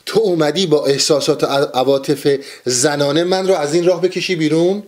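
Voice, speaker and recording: A man voicing a calm, patient old male philosopher who reasons softly and asks gentle questions. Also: on the high side, pitched above the performer's own voice, lightly acted. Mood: calm reasoning.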